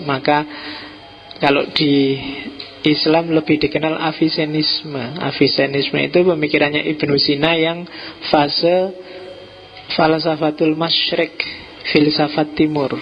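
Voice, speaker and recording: A middle-aged man with a Javanese accent giving an informal, relaxed philosophy lecture to a class, teasing his listeners now and then. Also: on the high side, highs cut off, a little hiss or hum. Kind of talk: informal lecture to a live audience.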